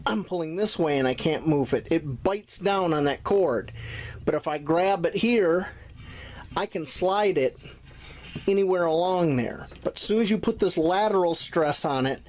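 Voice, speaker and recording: A bushcraft instructor walks through tying a knot, describing every step plainly as his hands handle the cord. He talks a little slowly, in a slightly mellow voice on the higher side.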